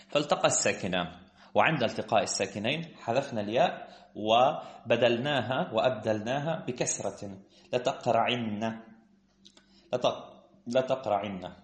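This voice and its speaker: Man lecturing, grammar teacher, reads text quotes, asks himself questions, roomy echo. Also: mid-range voice. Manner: explains step by step, rhetorical questions, reads quotes aloud.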